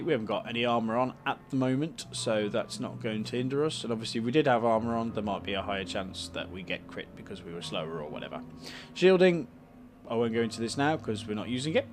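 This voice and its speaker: A British man hosting a let's play, casually explaining a game's menus and items with frequent ums and uhs. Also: lowish voice. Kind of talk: casual game commentary.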